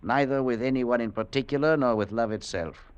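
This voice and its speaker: A man's voice: medium pitch, fairly quick, clear, resonant tone, no room sound, muffled recording, close to an everyday voice. Brusque, clipped professor played by a man. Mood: coldly dismissive. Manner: clipped, blunt, imperious, dismissive. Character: brusque, odd little male professor, coldly logical misanthrope. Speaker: actor in a radio drama. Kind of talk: old-time radio drama acting.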